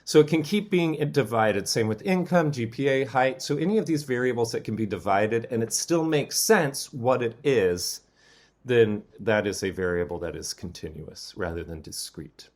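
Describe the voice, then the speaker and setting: A man delivering a recorded statistics lecture in an ordinary mid-pitched voice. He walks through each idea step by step. He often stops on an um or checks in with a quick "right?". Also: lively intonation. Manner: explains step by step with many ums and rhetorical "right?". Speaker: statistics instructor.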